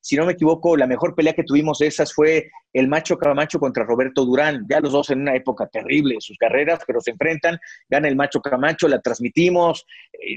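A man's voice: on the high side, no echo. A middle-aged man, a sportscaster guest recalling his career in an interview, with frequent fillers and restarts. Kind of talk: reflective interview storytelling. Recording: dry, slightly dull recording.

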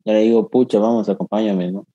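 Mellow-voiced young man joking around. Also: fairly low pitch, fast talker, lo-fi sound. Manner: animated, jokey, direct. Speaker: podcast co-host. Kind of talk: casual chat.

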